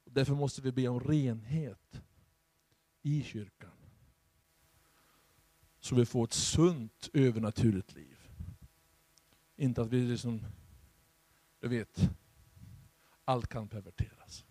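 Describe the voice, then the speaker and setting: A Swedish man preaching a charismatic sermon as pastor, swinging from hushed asides to loud exhortation. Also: medium pitch, pauses often, no echo.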